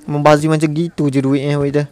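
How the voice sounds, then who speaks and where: A man's voice: on the high side, flat delivery, racing, a little mellow, slight background noise. A man with a Malaysian Malay accent giving casual, exasperated commentary while streaming a management game and talking to his viewers.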